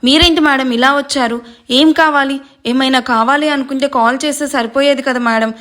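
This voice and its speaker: A woman's voice: high voice, fairly even intonation, a little fast, fairly bright tone. A woman storyteller voicing a polite, deferential female house cook who fusses over her mistress. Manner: deferential, fussing, playful.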